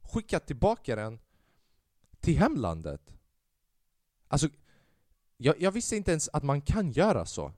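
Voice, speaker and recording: In a clean studio recording with no room sound, a young podcast host delivers a rambling, self-deprecating solo monologue, cursing a lot and weaving in English phrases. His darkish voice sits on the high side, swoops wildly in pitch, and pauses often.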